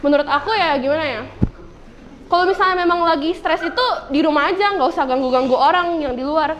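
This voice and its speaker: A woman's voice: high voice, a little fast, a bit bright, slight background noise. A girl telling a stand-up comedy story in a classroom, chatty and giggly. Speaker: student comedian.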